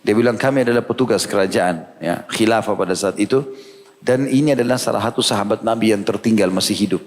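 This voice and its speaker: A man giving a sermon, telling a story with animated delivery and acting out the characters' lines. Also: on the low side, fast talker. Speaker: preacher. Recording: long hall reverb.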